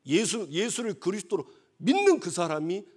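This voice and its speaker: A man's voice: high-pitched, sing-song, moderate pace, slightly rough. A male pastor gives a conversational sermon and often checks that the congregation agrees.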